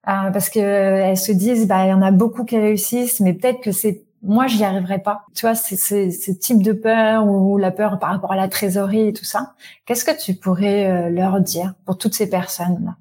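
A woman's voice: mid-range voice, fairly even intonation, moderate pace, mellow. A woman hosting an interview podcast, asking long rambling questions and cheering on her guest. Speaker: podcast host.

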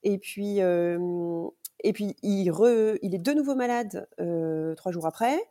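Halting, soft-toned woman telling a story. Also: mid-range voice. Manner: hesitant, many fillers and restarts. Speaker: podcast guest, mother. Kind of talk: casual storytelling interview.

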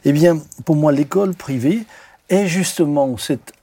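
A man speaking as a guest in a studio discussion, halting and repeating words as he searches for them. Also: fairly high pitch, warm tone, husky, no echo. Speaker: panel guest.

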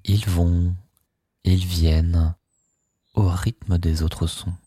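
Deep breathy guy talking you into sleep hypnosis, super slow and hushed, dark mellow tone, dry close sound. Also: steady tone, no room sound. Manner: slow, soothing, hushed delivery.

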